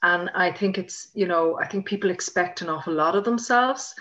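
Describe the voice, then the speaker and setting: Gentle woman on a dull line. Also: lowish voice, moderate pace. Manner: earnest, gentle, reassuring. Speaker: bereavement panelist. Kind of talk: online panel discussion.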